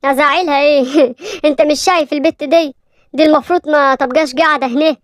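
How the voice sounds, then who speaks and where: A woman's voice: high-pitched, steady tone, quick pace, no room sound, studio quality, natural voice. A woman voicing a hot-tempered rich young man of twenty-five with an Egyptian accent, snapping and scornful. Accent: Egyptian Arabic.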